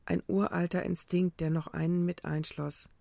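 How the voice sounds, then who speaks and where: A narrator reading a dramatic story aloud in a steady, even way. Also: mid-range voice, moderate pace, creaky, no echo. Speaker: audiobook narrator. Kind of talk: scripted narration.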